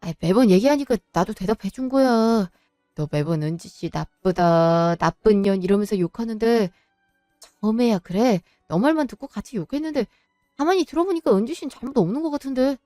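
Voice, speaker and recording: A woman's voice: on the high side, a little fast, no room sound, clean studio sound, faint music behind, lightly acted. A woman voicing a blunt, frank male friend. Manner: frank, calm, lecturing.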